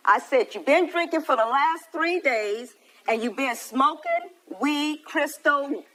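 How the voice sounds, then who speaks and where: An American woman giving animated testimony as a litigant in a TV courtroom, telling her grievance in a plaintive way and acting out the quoted dialogue. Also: high-pitched, slow pace, low-quality recording.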